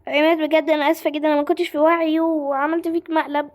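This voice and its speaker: A woman's voice: high-pitched, little pitch movement, rapid-fire, close to an everyday voice. A young woman with an Egyptian accent voicing an emotional, apologetic teenage girl in a doll-game drama. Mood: pleading.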